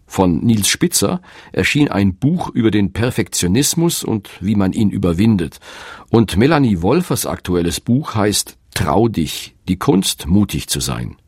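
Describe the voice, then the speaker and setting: A man's voice: lowish voice, big pitch swings, a little slow, a little mellow, breathy edge, no echo, studio quality. A middle-aged man, an author, narrating in a candid, reflective and self-deprecating way. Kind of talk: scripted narration.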